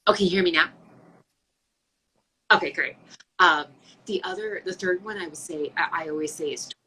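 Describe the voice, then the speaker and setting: A woman's voice: lowish voice, normal speed, bright, forceful tone, a little hiss or hum. A woman guest speaking earnestly and hesitantly over a phone call that keeps breaking up. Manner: earnest, hesitant with many fillers. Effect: choppy, breaking-up call connection. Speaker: podcast guest, children's book author. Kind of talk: casual interview over a call.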